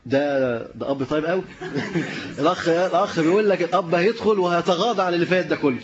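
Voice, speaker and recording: Egyptian preacher, fast, high voice, quizzes his listeners; lo-fi dull recording. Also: crowd noise. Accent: Egyptian Arabic. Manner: lively, questioning the room, chuckling often. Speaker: preacher teaching a class. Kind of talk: interactive lesson with audience.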